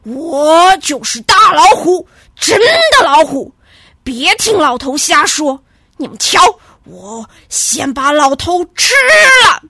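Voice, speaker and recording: A woman voicing a fierce, boastful male tiger who shouts and brags. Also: sits high, sing-song, slow pace, dry recording, clean studio sound, exaggerated voice. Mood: boastful, menacing. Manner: loud, blustering, shouting.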